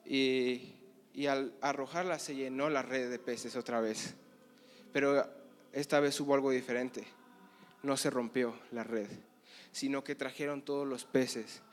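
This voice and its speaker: A man's voice: mid-range voice, fairly even intonation, unhurried. A young man preaching a sermon at a conference, telling Bible stories with passion and acting out the dialogue. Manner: impassioned storytelling, acts out Bible dialogue. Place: conference hall.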